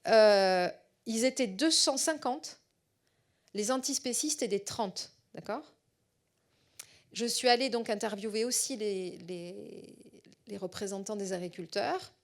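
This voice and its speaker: A middle-aged woman with a southwestern French accent gives a public lecture as a researcher. She often pauses on fillers and repeats words. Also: mid-range voice.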